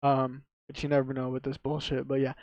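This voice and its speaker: A man's voice: medium pitch, monotone, a little fast, a little mellow, no room sound, lo-fi sound. A man with a slight lisp from wearing a retainer, giving casual, slangy sports betting commentary to viewers. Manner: slangy, swearing, repeats himself for emphasis. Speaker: sports betting tipster, video host.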